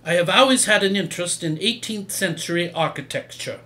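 An actor playing an earnest, courteous Victorian gentleman doctor in a formal period audio drama. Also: high-pitched, fairly quick. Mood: earnest, grave.

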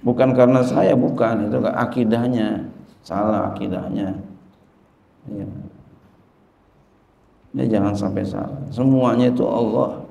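Gravelly-voiced preacher man teaching. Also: lowish voice, fairly even intonation, unhurried, pauses often, mellow. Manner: repetitive, conversational, acts out quoted people. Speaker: religious teacher. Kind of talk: colloquial Quran commentary lesson. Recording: roomy echo.

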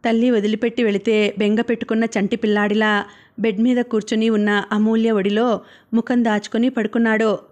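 Woman reading a novel out loud, audiobook style, kinda high voice, pretty flat and even. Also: a little fast. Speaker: audiobook narrator. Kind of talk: audiobook narration.

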